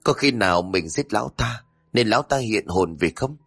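A man's voice: fairly low pitch, animated, moderate pace, breathy edge, faint music behind. A man voicing a frightened young village wife in a spoken ghost story, trembling and pleading. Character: terrified young village wife, guilt-ridden.

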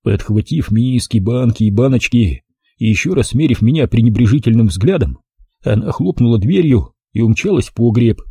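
A man narrating a detective novel as an audiobook in the first person, in a calm, wry manner. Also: medium pitch, normal speed, breathy edge, no room sound. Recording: dry close audiobook recording.

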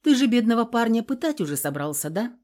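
A woman voicing a tired, stubborn young daughter who speaks softly and reproachfully, in an audiobook. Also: a little high, sing-song, fast, pitched above the performer's own voice. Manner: soft, reproachful, pleading.

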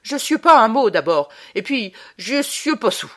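A woman's voice: a little high, big pitch swings, takes it slowly, fairly bright tone, voice pushed up, exaggerated voice. A woman voicing a sly, whining drunk old peasant man from a storybook, with slurred, stammering speech. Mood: indignant.

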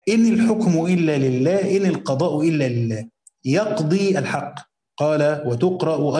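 A man with an Egyptian accent teaches from a classical commentary, reading passages carefully and breaking into relaxed colloquial notes. His voice sits a little high and sounds warm and mellow. The room gives it a noticeable echo. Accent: Egyptian Arabic. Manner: reads classical text slowly, then explains in colloquial asides.

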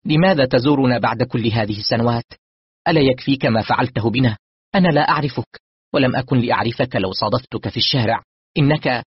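A man voicing a sharp, indignant eighteen-year-old girl confronting her father, in a dull, dry audiobook recording. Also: mid-range voice, quick pace, husky, dry recording, voice pushed up. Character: sharp angry young woman of eighteen, younger daughter.

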